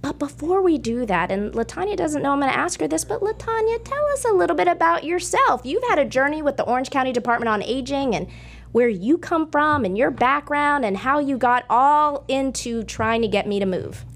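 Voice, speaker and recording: A woman's voice: high-pitched, lively intonation, brisk. A woman in her fifties hosting a talk show, upbeat and chatty as she introduces her guests. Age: 50s. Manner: upbeat, chatty, laughs easily. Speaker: show host. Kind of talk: casual radio talk.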